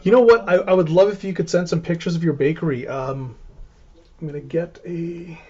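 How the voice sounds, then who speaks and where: A man with a Canadian accent and a high-side, darkish voice runs a live cooking stream at normal speed with fairly even intonation. He chats casually, explaining what he does as he chops and preps, and the audio is dull and lo-fi.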